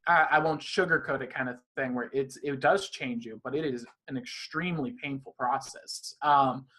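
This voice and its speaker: A man's voice: medium pitch, normal speed, bright, forceful tone. A man being interviewed as a magician, talking animatedly in long, rambling runs of casual conversation. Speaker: magician guest.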